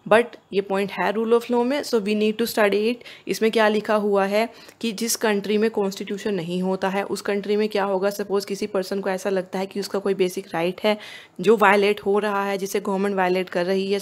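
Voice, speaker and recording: Flat-voiced woman teaching. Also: mid-range voice. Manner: explanatory, mixes English and Hindi. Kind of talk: online lecture.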